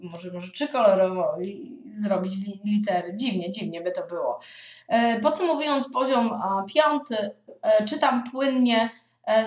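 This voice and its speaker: Thoughtful woman in an echoey room. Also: a little high. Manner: thoughtful, hesitant, with frequent drawn-out filler sounds. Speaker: parent reviewing children's books. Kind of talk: spoken book review.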